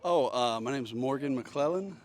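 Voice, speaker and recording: A man's voice: mid-range voice, expressive, moderate pace. A man in his thirties answering interview questions in a laid-back, offhand way. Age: 30s. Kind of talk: casual interview.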